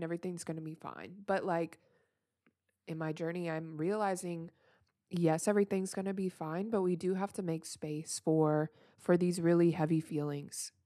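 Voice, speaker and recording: Earnest low-voiced woman podcaster. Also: mellow, no room sound, studio quality. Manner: earnest and reassuring; loose, rambling phrasing with many restarts. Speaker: podcast host. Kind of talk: casual self-help talk.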